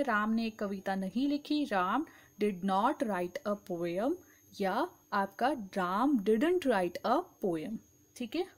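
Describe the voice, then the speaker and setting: Woman English teacher, high voice, patient step-by-step explainer, peppers her lesson with check-ins. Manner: explains step by step, keeps asking "ठीक है". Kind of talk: exam-prep grammar lesson.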